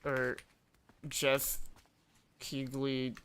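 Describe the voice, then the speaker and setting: A man hosting a casual reaction stream, excitable and joking, laughing often with his friends. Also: mid-range voice, very slow, slight background noise. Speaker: streamer hosting a watch party.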